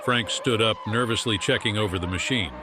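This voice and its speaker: A man narrating a science fiction audiobook in a measured storytelling delivery, over music. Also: on the low side, background noise. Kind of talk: scripted narration.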